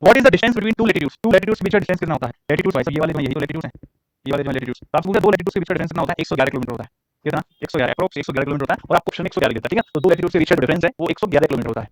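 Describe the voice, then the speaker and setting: A man's voice: on the high side, very fast, no room sound, rough recording. A man teaching a geography lesson. He keeps asking his listeners questions, repeats each answer so they can write it down, and drags out English question phrases. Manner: repeats answers for note-taking.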